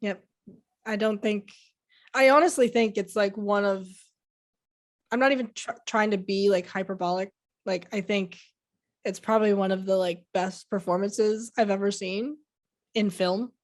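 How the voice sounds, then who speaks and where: A woman's voice: medium pitch, steady tone, normal speed, pauses often. A young woman co-hosting a film podcast in casual chat, rambling with many fillers and restarts. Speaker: podcast co-host.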